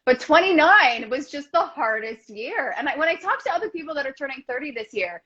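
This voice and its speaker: A woman in her thirties, a guest on a casual video call, effusive and gushing, talking in quick rushes. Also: sits high, lively intonation, pushed and bright, muffled recording. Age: 30s.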